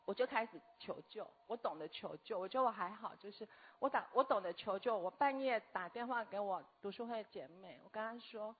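A woman, telling a personal story earnestly and haltingly as a guest. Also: mid-range voice, expressive, husky. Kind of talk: personal testimony. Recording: tinny phone-like audio.

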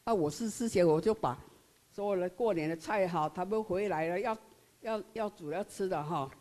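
Older Taiwanese woman sharing halting testimony. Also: lowish voice, darkish tone. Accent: Taiwanese Mandarin. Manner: halting, earnest, full of tag particles. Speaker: member sharing her experience. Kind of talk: personal testimony.

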